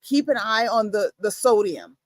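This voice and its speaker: A woman chatting casually on a video-call livestream, playful and teasing with an animated manner. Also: medium pitch, moderate pace, no room sound.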